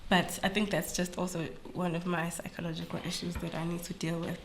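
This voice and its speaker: In an interview, a woman who is a school principal speaks earnestly and with animation, slipping Zulu phrases into her talk. Her voice sits on the low side and moves briskly, sounding nasal from a flu, and there's a little hiss or hum in the recording.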